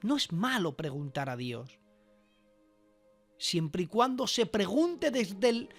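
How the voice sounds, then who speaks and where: A man with a high voice delivers an earnest sermon at an unhurried, deliberate pace, pressing his points with rhetorical questions. Soft music plays faintly behind him. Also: sing-song. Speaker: preacher. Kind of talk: sermon preached over a walkie-talkie app service.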